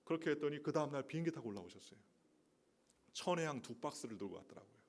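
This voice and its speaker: A middle-aged male preacher with a somewhat high voice delivers a sermon. He tells a personal testimony as a story. He keeps pressing the listeners with emphatic rhetorical questions. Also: expressive, quick pace. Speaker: missionary preacher.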